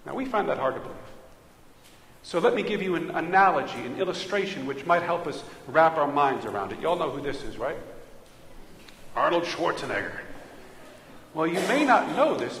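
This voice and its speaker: A man preaching from the pulpit, with a slightly high voice. He leans into repeated phrases and asks his listeners questions. His voice rings through a large reverberant church with a faint hum behind it. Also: animated, fairly quick, fairly bright tone. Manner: preaches with rhythmic emphasis and rhetorical questions. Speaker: pastor. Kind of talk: sermon. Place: church sanctuary. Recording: echoey church from a distance.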